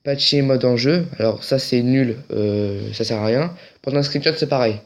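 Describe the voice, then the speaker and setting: Casual male tutorial voice: halting, lots of pauses and restarts, with dry jokes in between. Mid-range pitch. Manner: hesitant, full of pauses and restarts, with dry ironic asides. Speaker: tutorial creator. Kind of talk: casual screen-recorded game tutorial.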